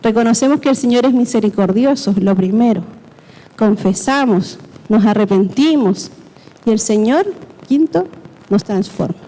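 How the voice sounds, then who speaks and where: A woman's voice: a little high, moderate pace, mellow. A woman preacher, giving a sermon and explaining step by step, often checking in with the congregation. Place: church hall. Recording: long hall reverb.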